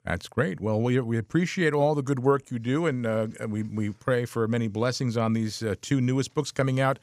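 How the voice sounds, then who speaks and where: Male radio host, average pitch, conversational interviewing style, very dry studio sound. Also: moderate pace, no room sound.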